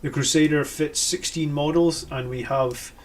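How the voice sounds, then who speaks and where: On a live stream, a host from Scotland thinks aloud about army lists, casual and full of fillers and self-corrections. His voice sits on the high side, steady in tone, at a moderate pace.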